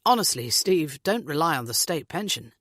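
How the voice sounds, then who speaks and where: A woman voicing a cautious, polite middle-aged man who speaks in a measured way. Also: deep voice, sing-song, a bit bright, no echo, studio quality, exaggerated voice. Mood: cautioning.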